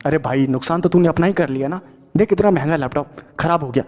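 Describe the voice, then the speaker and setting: A man voicing a calm, practical young friend in a horror audio story, soothing his angry companion. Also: on the high side, quick pace, big-room sound, voice pushed up, natural voice.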